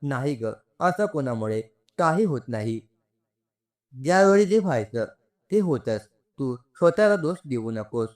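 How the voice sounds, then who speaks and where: A gentle older mother, soothing and affectionate, as a male narrator puts her on. Her voice lifts in lively, animated arcs as she comforts. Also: fairly high pitch, measured pace. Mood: consoling.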